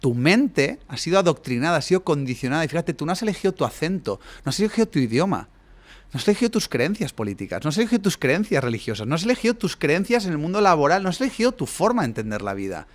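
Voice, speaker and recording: Guy w/ holding forth on a podcast, slightly high voice, keeps tacking on rhetorical questions. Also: very animated, fast. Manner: expansive, lecturing, frequent rhetorical tag questions. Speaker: guest coach and writer. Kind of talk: podcast conversation.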